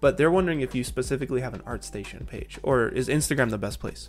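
A young man hosts a live online interview, speaking rapid-fire in a medium-pitched, animated voice. He's casual and upbeat, gushing with praise and using laid-back slang.

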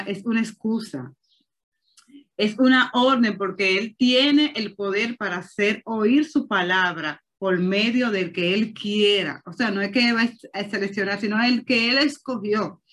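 Woman preacher, earnest, halting, exhorting congregation; mid-pitched. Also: fairly bright tone. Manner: repeats "o sea" often, halting restarts. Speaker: church speaker. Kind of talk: sermon.

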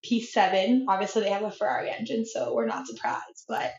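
A woman's voice: mid-range voice, a little fast, a little mellow, reverberant, muffled recording, a little hiss or hum. A woman co-hosting a podcast in a playful, chatty way, laughing often and leaning on "like.". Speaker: podcast co-host. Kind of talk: casual chat.

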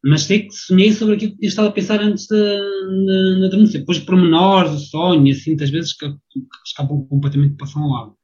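A man's voice: high voice, fairly even intonation, a little fast, few pauses, a little mellow. A young man with a European Portuguese accent, explaining things hesitantly in a casual chat. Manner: hesitant, restarts often. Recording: dull lo-fi sound.

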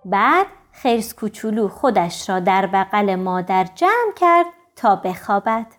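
A woman reading a children's storybook aloud with gentle, expressive storytelling. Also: medium pitch, faint music behind. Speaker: audiobook narrator for children.

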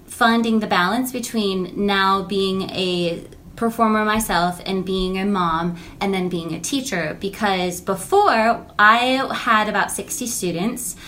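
A woman in her thirties, a music teacher, chatting casually and telling animated stories about her lessons. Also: takes it slowly. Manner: animated storytelling, acts out quotes in a high voice.

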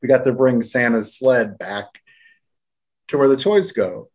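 A man's voice: medium pitch, unhurried, a little mellow. Male podcast host, casual and earnest, a bit nervous, emotional.

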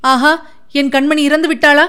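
A woman's voice: high-pitched, fairly even intonation, normal speed, a bit bright, clean tone, voice pushed up. A woman voicing an elderly male sculptor, a father driven frantic by grief, wailing and pleading. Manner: frantic, wailing, sobbing pleas.

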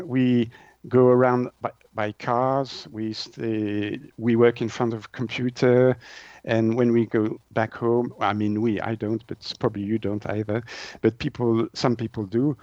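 A Swiss man with a Swiss French accent, appearing as an interview guest, explains things in his second language and often searches for words. His voice is mid-range and darkish, in a lo-fi recording with no room sound.

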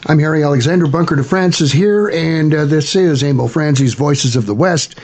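A man's voice: a little high, a little fast, darkish tone. A man hosting a radio show, announcing the program and its guests to listeners. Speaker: radio host. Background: music.

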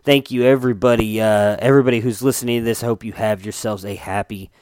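A man with a fairly low, smooth voice hosts a casual podcast in a dry recording. He talks informally and haltingly as he gets over being sick, and his nose whistles faintly on the breath. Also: steady tone, a little mellow, no echo. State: getting over strep and fever. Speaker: podcast host. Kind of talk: casual solo fantasy football podcast talk.

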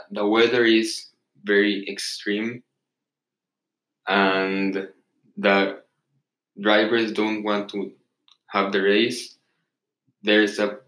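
A young man as the expert guest in a casual interview, giving halting answers with pauses. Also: fairly low pitch, fairly bright tone. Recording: echoey room.

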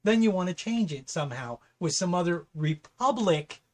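A man in his fifties from California with a somewhat high voice, co-hosting a casual talk. He speaks bluntly and keeps restating his points until they land. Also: lively intonation, normal speed, a little mellow. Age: 50s. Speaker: podcast co-host. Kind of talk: casual opinion chat.

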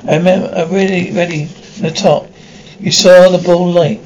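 Man playing period military drama roles: high voice, halting repeated words, muffled lo-fi recording. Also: fairly even intonation, a little mellow. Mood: urgent.

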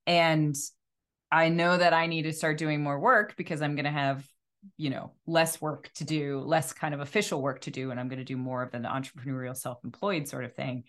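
Lady with a low voice just chatting, reflective, rewording stuff as she goes. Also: little pitch movement, normal speed, fairly bright tone. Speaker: life coach and energy healer. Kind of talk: casual conversational discussion.

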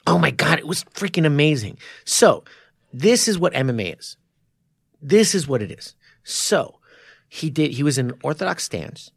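A man's voice: fairly high pitch, very animated, normal speed, vocal fry, breathy edge, no echo. A man co-hosting a podcast, casually and enthusiastically explaining fight technique in a studio. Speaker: podcast co-host.

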